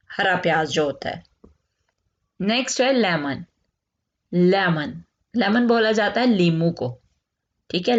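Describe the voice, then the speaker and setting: Slow, patient woman teaching vocabulary. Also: medium pitch, highs cut off. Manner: repeats each word, asks quick check questions. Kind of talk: slow, repetitive vocabulary lesson.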